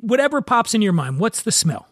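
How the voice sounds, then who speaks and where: Male podcast host for relaxed chat interview, high raspy voice, very dry recording. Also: brisk, dry recording.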